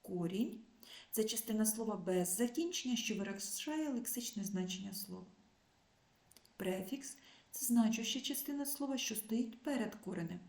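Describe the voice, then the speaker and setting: A woman teacher leads a distance lesson for schoolchildren, pronouncing each example word with calm, measured care. Her voice is soft and mellow, and the recording carries a noticeable room echo. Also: mid-range voice. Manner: clear, measured dictation of word pairs. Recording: echoey room.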